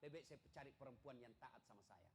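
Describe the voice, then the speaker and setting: A man voicing a husband who calmly and firmly warns his wife, in a low, measured, serious tone. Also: a little hiss or hum, natural voice. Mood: stern. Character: calm, firm husband giving his wife an ultimatum.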